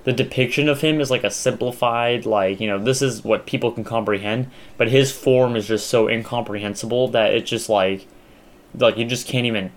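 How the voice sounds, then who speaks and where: A man's voice: medium pitch, fairly even intonation, moderate pace. A young man chatting casually as a podcast co-host, rambling with lots of fillers and restarts. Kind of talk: casual chat.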